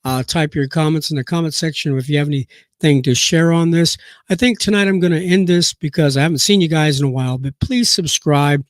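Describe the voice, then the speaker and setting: A slightly high-voiced Nebraska man, hoarse from a cold, reads aloud for his boxing news live stream, pausing, restarting and filling gaps as he goes. The sound is clean studio audio with no room sound.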